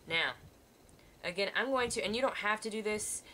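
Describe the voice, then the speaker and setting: A woman art teacher gives a patient, reassuring step-by-step sewing demonstration, working with her hands at an indoor table under an overhead camera. Her medium-pitched voice is sharp in tone, with lively intonation and a moderate pace. A little hiss or hum sits in the recording.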